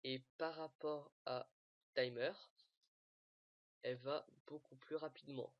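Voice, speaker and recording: Unhurried, halting tutorial voice on a cheap home mic, dry and dull. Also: medium pitch, fairly even intonation, no room sound. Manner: hesitant, full of fillers and restarts. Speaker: gaming tutorial maker. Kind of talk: casual screen-recorded tutorial.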